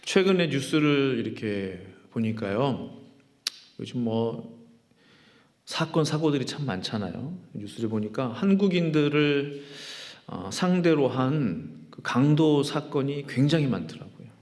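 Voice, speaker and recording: A man pastor preaching a sermon. He reads scripture aloud and prays, then talks through his points in a conversational way with frequent pauses and fillers. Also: mid-range voice, animated, darkish tone. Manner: leads congregation in call-and-response, then reads scripture and prays. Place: church sanctuary. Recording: long hall reverb in church.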